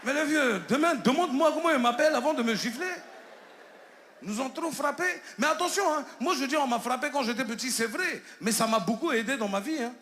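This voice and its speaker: Ivorian comedian, high animated stage voice. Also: male voice, a little fast. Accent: Ivorian French. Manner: animated storytelling, acts out characters. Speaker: stand-up comedian. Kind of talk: stand-up comedy set. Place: stage with live audience.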